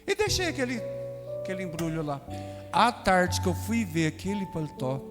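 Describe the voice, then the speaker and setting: A man's voice: high-pitched, very animated, moderate pace. A man preaching in a church, telling a personal story and acting out what each person said. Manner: folksy storytelling with acted dialogue. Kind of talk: sermon testimony. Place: church sanctuary. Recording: reverberant church hall with music.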